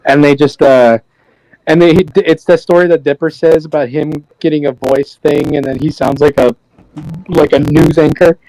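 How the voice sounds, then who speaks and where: A man's voice: fairly high pitch, fairly even intonation, moderate pace, darkish tone, no echo, low-quality recording. A young man joking and giggling in casual chat between scenes. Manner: giggly, jokey. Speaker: voice actor in a fan audio drama.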